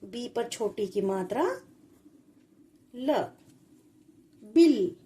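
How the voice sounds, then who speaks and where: A woman with a high voice teaches young children to read, patiently sounding out each syllable before saying the whole word. She speaks very slowly and deliberately, like a classroom lesson. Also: expressive, dark tone. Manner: slow, patient, spells out syllables one by one. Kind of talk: children's Hindi spelling lesson.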